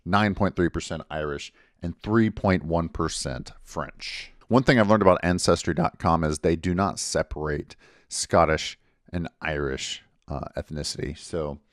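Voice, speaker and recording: A man with a very low voice hosts a genealogy vlog in a casual, explanatory way. He works through the numbers step by step, methodical and clear. The sound is dry and close, with no room echo. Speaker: genealogy channel host.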